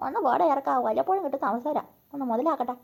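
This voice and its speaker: A woman voicing a cheerful old grandmother with a sweet tooth in a cartoon, with a gravelly, creaky voice and an easygoing, teasing manner. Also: sits high, expressive, very fast, darkish tone, slight background noise, voice pushed down.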